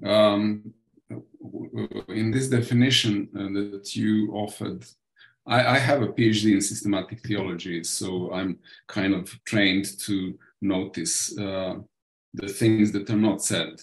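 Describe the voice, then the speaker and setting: A man from Serbia speaks very slowly and haltingly in an online meeting, searching for his words. His voice is lowish and sounds roomy over the call. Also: fairly even intonation. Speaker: meeting participant. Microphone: video call.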